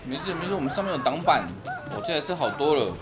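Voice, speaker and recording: Animated high-voiced man streaming a game. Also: racing, a crowd in the background. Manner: playful, exclamatory. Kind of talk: casual gameplay commentary. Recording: game ambience noise behind voice.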